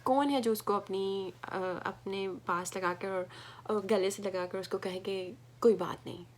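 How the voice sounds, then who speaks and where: A woman's voice: medium pitch, fairly even intonation, slight background noise. A woman with a Pakistani Urdu accent giving an informal parenting talk in a conversational way, often checking in with the listener. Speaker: parenting educator.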